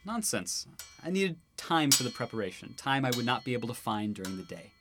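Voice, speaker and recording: A man's voice: mid-range voice, sing-song, a little fast, noisy background, natural voice. A man voicing a cocky, teasing young prince and husband in a student radio drama.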